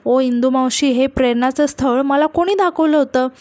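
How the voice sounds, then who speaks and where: A woman's voice: sits high, normal speed, dry recording, lightly acted. Angry taunting village groom, read by a woman. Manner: shouting, taunting. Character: angry hot-headed male village groom. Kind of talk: read-out dialogue in a serial recap.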